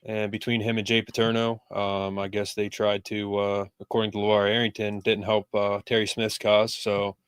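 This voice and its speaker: A man's voice: on the low side, completely flat delivery, normal speed, hardly any pauses, fairly bright tone, clean tone, dry recording, clean studio sound. A man hosting a casual sports podcast, talking loosely with lots of fillers. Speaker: podcast host.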